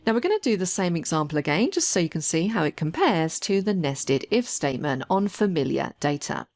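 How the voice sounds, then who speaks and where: Female tutorial narrator, lower pitch, animated intonation, step-by-step explanation. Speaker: software trainer. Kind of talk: screen-recorded tutorial narration.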